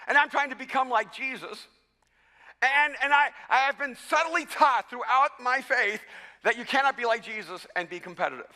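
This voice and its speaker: A pastor from El Salvador preaching a sermon, animated and self-mocking, often stumbling and repeating words as he restarts. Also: very high-pitched, normal speed. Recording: long hall reverb.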